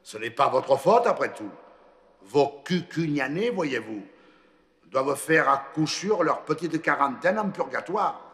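A hearty, kindly old saint at heaven's gate, as a storyteller puts him on, cheerful and reassuring. He talks slowly, with a bright, tense ring to the voice. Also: fairly high pitch, lively intonation, long reverb tail, pitched above the performer's own voice. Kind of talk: storytelling reading.

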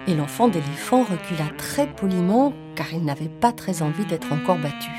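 A woman reading a children's story aloud, slow and expressive, with playful storytelling touches. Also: on the low side, over music.

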